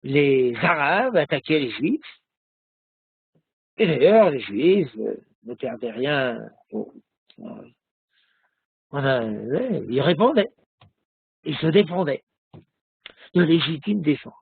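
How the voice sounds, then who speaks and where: A man, a rabbi, giving a recorded religious lesson, telling a story slowly with many hesitations. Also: on the high side, expressive, creaky, husky, no room sound, phone-quality sound. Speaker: rabbi teaching a class.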